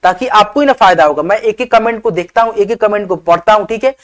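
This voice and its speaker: Speaking fast in a high-pitched, fairly bright voice, this man teaches beginners to spell by sounding out words one letter at a time. The online teacher calls his viewers friends, checks in with "theek hai," and asks for comments.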